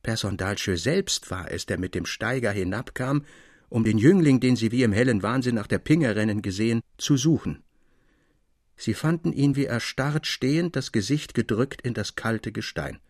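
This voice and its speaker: A man's voice: mid-range voice, animated, normal speed, darkish tone, dry recording, studio quality. A man reading a classic literary tale aloud with a dramatic, varied delivery. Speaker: reader.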